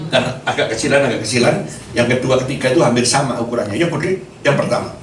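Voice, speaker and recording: A middle-aged man, preaching and telling a lively personal story, acting out the dialogue. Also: medium pitch, racing, distant mic. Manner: storytelling, animated, acts out dialogue, laughs often. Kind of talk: sermon with personal testimony. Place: church hall. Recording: echoey hall, mic from afar, faint noise.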